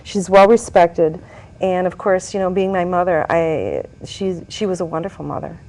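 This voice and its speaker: An Italian woman appears as a guest on a casual talk show, chatting away and telling a story with frequent fillers. Her voice is low and warm, her pace moderate, and the audio quality is poor.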